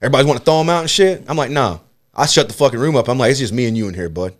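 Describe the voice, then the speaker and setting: A male comedian hosting a podcast, telling a profane story in a loose, animated, casual way. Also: medium pitch, rapid-fire.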